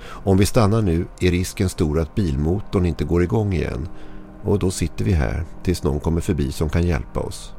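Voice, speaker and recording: A man reading the lines of a tense wife in a storybook horror tale, speaking low, firm and urgent. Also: gravelly, warm tone, a little hiss or hum.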